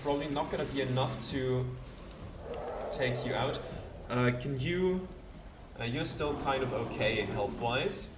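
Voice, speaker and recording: A man's voice: mid-range voice, measured pace, pauses often, heavy background noise. Roomy-sounding man doing game commentary. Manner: thinks aloud, addresses game characters. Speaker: let's play host. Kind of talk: casual gameplay commentary. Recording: roomy distant voice under loud game music.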